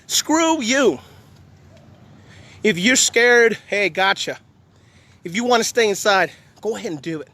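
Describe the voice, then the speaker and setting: Faint street noise surrounds a man recording a walking vlog in a park alongside a long line of cars. He's short of breath and combative, speaking at normal speed in a high, bright, forceful voice.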